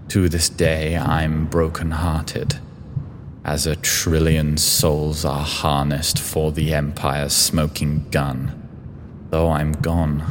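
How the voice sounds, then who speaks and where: Very deep, slow, solemn verse narrator man. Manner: slow, solemn, rhythmic recitation. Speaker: narrator and author. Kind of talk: spooky verse storytelling. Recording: long reverb with faint hiss.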